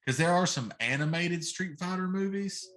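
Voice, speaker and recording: A middle-aged man with a high, slightly bright voice co-hosts a casual talk show at a normal pace. He grumbles out emphatic opinions on pop culture, repeating himself for effect.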